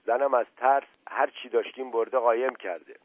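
Man as a worried soft-hearted villager, pleading, tinny phone-like sound. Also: mid-range voice, steady tone, slight background noise, lightly acted. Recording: tinny phone-like dry recording.

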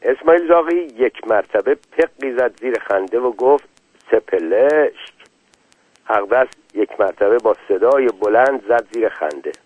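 A man's voice: medium pitch, lively intonation, darkish tone, husky, dry recording. A man narrating a story as an audiobook, reading the narration plainly and giving the characters' lines short voiced turns. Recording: dry, tinny phone-like radio sound.

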